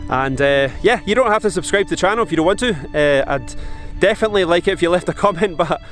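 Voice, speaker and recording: A Scottish man of forty talking casually to camera outdoors on a mountain, reflective and halting, shivering a little in the cold. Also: high-pitched, expressive, a bit bright, faint music behind. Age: 40s. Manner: halting, reflective, many restarts and fillers. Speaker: vlogger.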